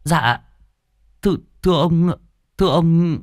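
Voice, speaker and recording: A man's voice: on the high side, slow, dry recording, clean studio sound, voice pushed up. A man voicing a timid young male servant who speaks obsequiously. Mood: deferential. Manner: obsequious, deferential.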